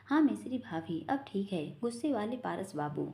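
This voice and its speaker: A cheeky, bantering young man from a family storybook, as a woman narrator reads him. His lines swing lively up and down, in a soft, mellow tone. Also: sits high, normal speed. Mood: teasing. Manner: bantering, teasing. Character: playful joking young man, teasing and cheeky.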